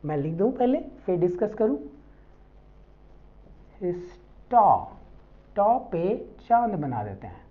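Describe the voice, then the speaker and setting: Woman English tutor, very slow and deliberate, lively pitch, dull lo-fi mic. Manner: slow, deliberate, spelling words out letter by letter; switches between English and Hindi. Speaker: English teacher. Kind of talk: spoken English lesson. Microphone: faulty mic.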